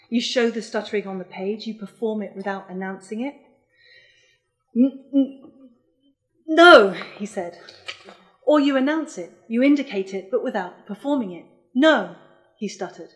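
A middle-aged woman giving a lecture, reading her own essay aloud in a measured, thoughtful, wry way. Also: medium pitch, darkish tone, low-quality recording. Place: lecture hall.

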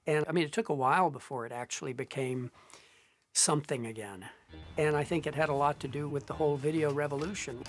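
A man in an interview, telling lively anecdotes and laughing now and then. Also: fairly high pitch, a little fast, faint music behind. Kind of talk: retrospective interview.

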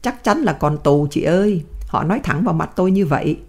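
A woman voicing a dignified old male prisoner who speaks in firm, measured sentences. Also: low voice, animated. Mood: friendly.

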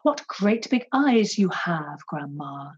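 A woman voicing a small, cool-headed young girl in a comic storybook poem, speaking softly and sweetly. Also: on the low side, very animated, takes it slowly, breathy edge, dull audio, heavily acted. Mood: innocent.

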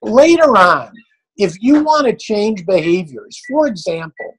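A man's voice: high voice, very animated, measured pace, fairly bright tone, breathy edge, low-quality recording. An older man, a dog trainer, answering questions in a blunt, folksy, plain-spoken way.

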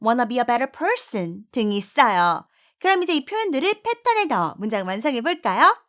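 A woman presenting a language lesson with scripted narration, reading example sentences in bright, drawn-out phrases. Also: a little high, big pitch swings.

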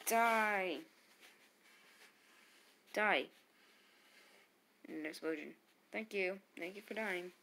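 A woman giving live commentary while playing a battle game, excitable and yelling at the screen. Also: on the low side, normal speed, vocal fry, slight background noise. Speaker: gamer playing online battles.

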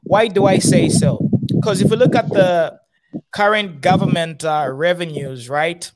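A young man hosting an interview in a small studio at a stand mic, asking measured questions with frequent pauses. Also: high voice, a little mellow, rough recording. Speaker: host.

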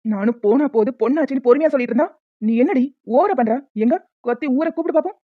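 A woman's voice: sits high, animated, fast talker, no room sound. A woman voicing a menacing, crude male loan shark in a cartoon, talking in a bullying, threatening way. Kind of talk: cartoon voice dubbing. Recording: tinny phone-like, dry.

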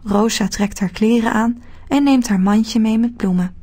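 A woman narrating a children's storybook audiobook in a steady, clear telling. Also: on the high side, normal speed.

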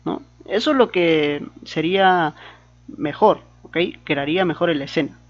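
A man's voice: fairly high pitch, normal speed, highs cut off. A man giving casual commentary on a fan comic, often asking the listener to agree. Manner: questioning, conversational, asks the viewer for agreement.

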